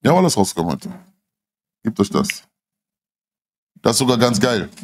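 A man's voice: fairly low pitch, very animated, normal speed. Emphatic middle-aged man chatting on stream. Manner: emphatic, repeats phrases insistently, street slang. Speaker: livestream host. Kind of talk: casual chat and animated storytelling. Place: small dim indoor studio.

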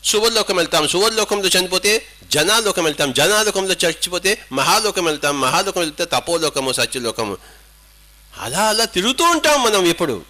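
An older man delivers a spiritual discourse in a high, lively voice that swoops up and down. He hammers points home through repetition and rhetorical questions. His tone is bright and forceful. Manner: emphatic, repetitive, rhetorical questions, mixing in English and Hindi. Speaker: spiritual teacher.

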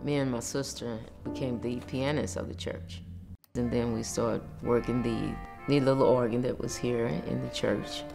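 A woman's voice: extremely low pitch, steady tone, moderate pace, gravelly. An older woman, a former church pianist, reminiscing in a documentary interview. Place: home room with piano. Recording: music bed under voice.

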